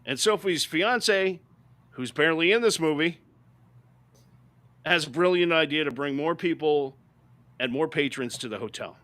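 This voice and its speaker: Speaking unhurriedly with long pauses, this man has a fairly high, somewhat bright voice. He's a middle-aged co-host on a podcast, ranting emphatically through opinionated movie reviews and often asking "right?".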